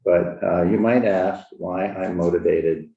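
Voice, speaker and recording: A man in his eighties giving informal public testimony through a face mask, halting and deliberate, muffled in an echoey room. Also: deep voice, fairly even intonation, mellow. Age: 80s. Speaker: witness testifying at a committee. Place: indoor committee room. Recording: distant, dull, echoey room microphone.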